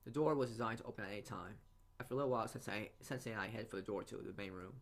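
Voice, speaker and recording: With game music in the background, a man hosting a let's play reads out visual novel narration in rapid-fire fashion, tripping over and repeating words. His voice sits lowish.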